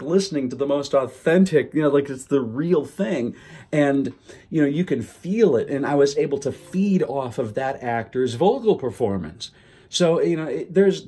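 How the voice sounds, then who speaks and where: A man's voice: medium pitch, dark tone. A man talking casually and at length about his work as a voice actor, in a rambling, conversational way with emphatic stresses. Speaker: amateur voice actor. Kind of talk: casual monologue on voice acting.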